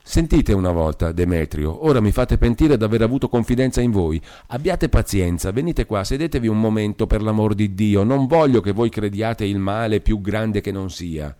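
An ailing woman, put on by a male reader, pleads in a soft, coaxing tone, her voice lifted above his deep, dark register. She sounds gentle and insinuating, a bedridden figure in a storybook reading. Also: animated, moderate pace, few pauses, natural voice. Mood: pleading.

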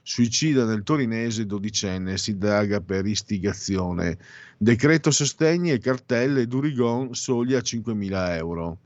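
A man hosting informal radio, reading out headlines haltingly with offhand asides. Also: fairly low pitch, lively intonation, darkish tone, dry recording, muffled recording. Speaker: radio host.

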